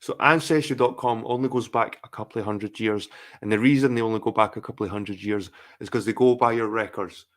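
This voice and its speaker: A middle-aged Englishman hosts a live chat stream, ranting casually in a profane, rambling way and repeating himself. His voice is lowish and a bit bright, with fairly even intonation and a slightly fast delivery.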